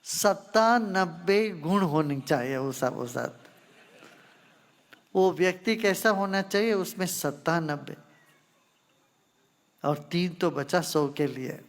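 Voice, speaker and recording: A man acting as a spiritual teacher, answering questions in an unhurried, gently teasing way and addressing listeners informally. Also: sits high, animated, long reverb tail. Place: ashram gathering.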